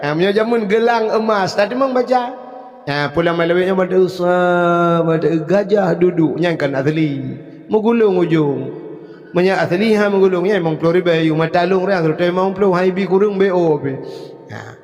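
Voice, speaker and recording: A man with an Acehnese accent giving a humorous Islamic sermon, telling jokey stories and breaking into loud shouted exhortation. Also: high voice, moderate pace, long reverb tail, highs cut off. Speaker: preacher.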